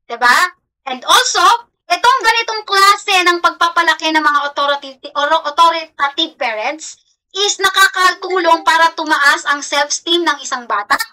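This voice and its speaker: A Filipino woman teaches a class with a very high, bright voice. She mixes Tagalog and English and keeps checking in with her students as she explains. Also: poor audio. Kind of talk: classroom lecture.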